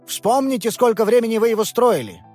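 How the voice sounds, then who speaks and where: A woman reading a children's audiobook, voicing a tired, apologetic father in a lowered, subdued tone. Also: big pitch swings, brisk, mellow, breathy edge, soft background music. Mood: regretful. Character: weary regretful middle-aged father. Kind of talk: audiobook character voice.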